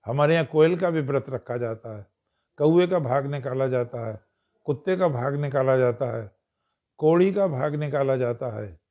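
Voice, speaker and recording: A man giving a storytelling discourse to an audience, speaking in a measured way and clearing his throat now and then. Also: mid-range voice, highs cut off.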